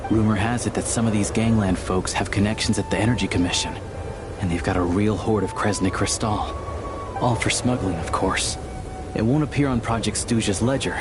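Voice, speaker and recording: An actor playing a sly, unflappable outlaw hunter in a video game, with a wry, nonchalant, conversational delivery. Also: male voice, on the low side, background noise, lightly acted. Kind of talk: scripted video game voice acting. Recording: music behind the voice. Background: music.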